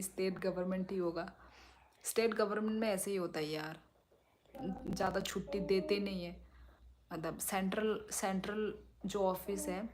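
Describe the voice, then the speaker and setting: A young woman from Tripura chatting casually on a phone live stream at home at night, reading viewers' comments and talking softly so she won't disturb the neighbours. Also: slight background noise. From Tripura, India. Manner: chatty, sways while talking, lowers voice to keep it down. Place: small room at home at night. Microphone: phone held or propped close.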